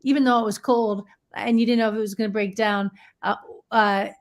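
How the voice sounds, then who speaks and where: A woman's voice: medium pitch, fairly even intonation, brisk. Rambling woman filmmaker telling stories. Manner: rambling storyteller, restarts and fillers. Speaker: filmmaker guest. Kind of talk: casual interview chat.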